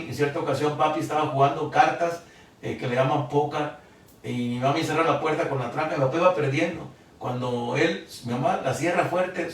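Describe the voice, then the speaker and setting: A man in his sixties from Guatemala, gives an emotional sermon testimony, halting with repeated restarts. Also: fairly high pitch. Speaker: preacher. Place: church hall. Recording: echoey church from far off.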